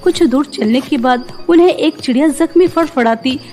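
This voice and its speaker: A woman narrates a children's cartoon story in a plain storybook manner. Her voice is very high, and soft music plays under it. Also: moderate pace.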